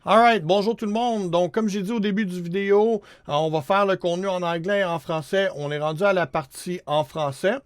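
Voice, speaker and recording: A man's voice: high-pitched, steady tone, a little fast, hardly any pauses, clean tone, no room sound, studio quality. A man in his thirties with a Quebec French accent, hosting a casual screen-share tutorial in an informal, hesitant way with English words mixed in. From Canada. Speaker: music promotion tutorial host.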